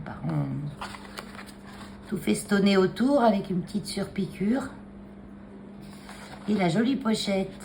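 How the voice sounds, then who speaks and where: At her desk, a craft vlogger chats to her phone camera, propped on a taped stand, while showing off handmade cards. Her mid-range voice has vocal fry and a dark tone; she's hesitant, full of fillers and restarts, clears a frog in her throat, and there's slight background noise.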